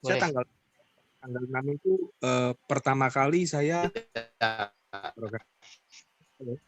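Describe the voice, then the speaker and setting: A man calling in to ask a doctor a question, his audio choppy and breaking up, speaking haltingly with restarted sentences. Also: medium pitch, dry recording, soft background music. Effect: choppy breaking-up call audio. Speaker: caller asking a doctor. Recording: dull lo-fi online call.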